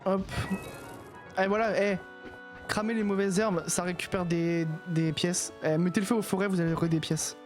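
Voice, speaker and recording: A woman's voice: lowish voice, steady tone, moderate pace, darkish tone, soft background music. A woman streamer giving casual, playful commentary while playing a video game, often laughing at her own voices.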